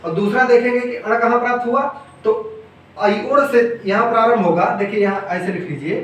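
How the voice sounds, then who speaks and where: Male grammar teacher, high voice, patient question-and-answer delivery that repeats key terms; recorded from a distance in a boomy room. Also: fairly quick, fairly bright tone. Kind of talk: explaining grammar rules step by step. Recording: echoey room, voice from some distance off the mic, faint noise.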